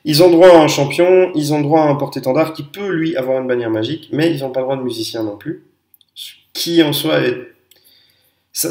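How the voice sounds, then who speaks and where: A man giving a casual spoken review of tabletop wargame units, pausing often with fillers and restarts and sharing strong opinions. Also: mid-range voice, a little mellow. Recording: echoey room.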